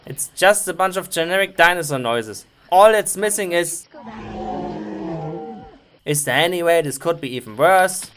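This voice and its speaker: A woman's voice: on the low side, animated, unhurried, pauses often, a little hiss or hum. A woman delivering scripted comedic film review commentary in a sarcastic, mocking, sweary way.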